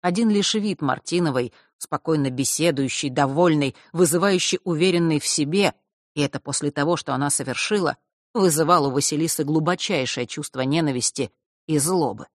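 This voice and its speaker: A woman narrating a fantasy audiobook in a steady, measured storytelling manner. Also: low voice, no room sound, clean studio sound. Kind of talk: scripted narration.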